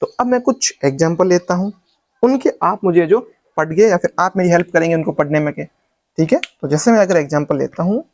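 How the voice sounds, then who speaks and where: A man's voice: high-pitched, a little fast, darkish tone, no room sound. A male teacher giving a recorded lesson, patiently repeating each point and checking that students follow, mixing in English terms. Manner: mixes Hindi with English terms. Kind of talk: classroom lesson video.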